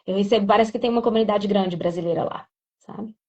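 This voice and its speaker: A woman's voice: mid-range voice, quick pace, dark tone. A woman English teacher and mentor speaking earnestly in a casual live interview, stressing points by repeating them. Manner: earnest, emphatic with repetition. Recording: dull lo-fi audio.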